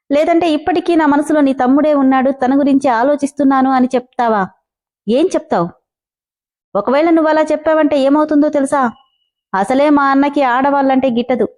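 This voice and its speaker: A woman voicing an obsessive, mocking young man in a storybook reading, in her own high, mellow voice. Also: natural voice. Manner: taunting, possessive.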